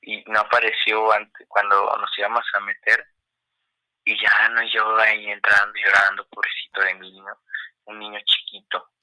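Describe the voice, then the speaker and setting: A young man with a Mexican accent tells a story with lots of energy. He swears and does the voices of the people in it, and his lower voice has a very bright, sharp edge. It is recorded close and dry, with no room sound. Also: moderate pace, no room sound, rough recording. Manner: animated, swearing, acts out quoted voices. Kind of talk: casual storytelling.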